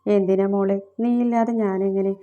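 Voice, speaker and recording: Remorseful young husband begging, woman narrator reads him, flat low-key delivery. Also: normal speed, muffled recording, faint music behind, lightly acted. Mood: pleading.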